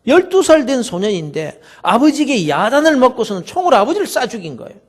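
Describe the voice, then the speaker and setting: A male pastor, telling stories in a sermon and swinging from loud to soft. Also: extremely high pitch, big pitch swings, fast talker. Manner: storytelling, dramatic shifts between loud and soft.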